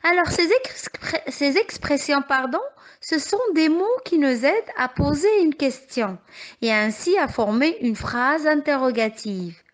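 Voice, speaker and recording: Slow, high-voiced woman teacher. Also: expressive. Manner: patient, carefully articulated, rising question intonation. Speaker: primary school teacher. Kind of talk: slow, clear distance lesson for young children.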